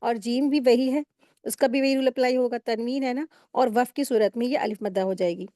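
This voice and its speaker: A woman teaching Quran recitation rules step by step in a patient, explaining manner, pausing to recite words slowly. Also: fairly high pitch, steady tone, mellow, no echo, clean studio sound. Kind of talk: step-by-step tajweed lesson.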